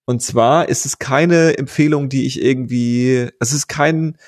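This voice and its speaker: A man's voice: medium pitch, steady tone, unhurried, no room sound, studio quality. A man co-hosting a podcast, chatting casually and rambling with many fillers and restarts. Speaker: podcast co-host.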